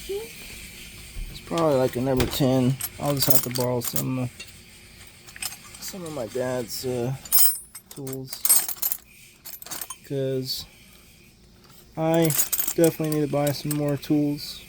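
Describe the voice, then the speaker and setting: Outdoors in a driveway beside a truck, a young man who vlogs about hobby mechanics chats casually as he works, rambling with lots of fillers and restarts. His voice sits on the high side with a steady tone, slow delivery and long pauses. The camera audio is noisy.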